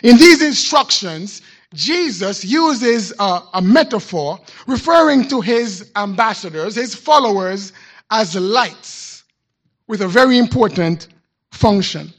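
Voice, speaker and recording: A male pastor delivering a sermon in church, telling a story in a measured, reflective way with deliberate pauses. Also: sits high, animated. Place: church sanctuary.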